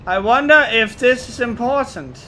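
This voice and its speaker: A man's voice: very high voice, lively intonation, normal speed, pushed and bright, a little hiss or hum. A man casually commenting on a video game as he plays, rambling, swearing and joking. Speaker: let's play host.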